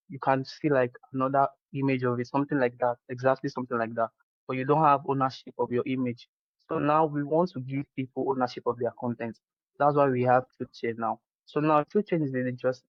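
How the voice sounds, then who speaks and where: A man's voice: medium pitch, dry recording. A man presenting a product demo over a video call. He explains step by step, often restarting with "so now.". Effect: heard over a video call. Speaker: startup presenter. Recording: dull, dry video call audio.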